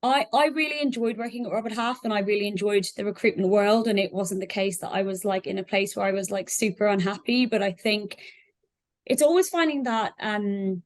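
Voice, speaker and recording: A software sales representative appears as an interview guest, talking conversationally at a fairly quick pace in a medium-pitched voice. She explains things reflectively, with loose hedging.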